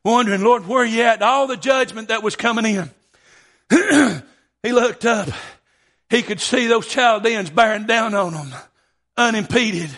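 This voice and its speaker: A man preaching a sermon, stammering and filling his pauses with "uh" and "amen". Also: high-pitched, a bit bright. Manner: stammering, punctuated by frequent amens.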